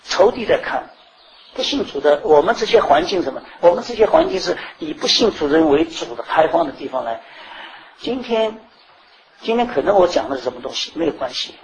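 A man delivers a sermon with a somewhat high-pitched voice. His delivery is animated, climbing into loud, high bursts and then dropping to quiet, low asides. A faint background hiss sits under the recording. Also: a little fast, low-quality recording. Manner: animated, rising and falling sharply in pitch and volume. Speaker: preacher.

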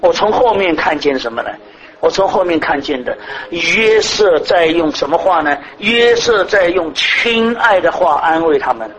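Man preaching a sermon, kinda high voice, keeps asking the crowd questions, goes loud then soft. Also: animated, normal speed, a little hiss or hum, poor audio. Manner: asks the congregation many rhetorical questions; swings between raised emphatic and soft low phrases.

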